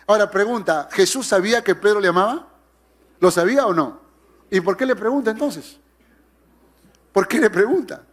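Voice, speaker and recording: A middle-aged male pastor preaching a sermon, asking the congregation questions and acting out the voices he quotes. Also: sits high. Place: church.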